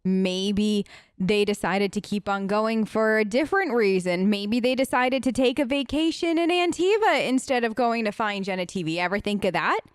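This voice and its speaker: A woman hosts a role-play video game let's play, improvising casual in-character replies in a chatty, skeptical, playfully questioning way. Her mid-range voice is expressive, clear and resonant at a normal speed, recorded on a close, dry mic with studio quality and no room sound.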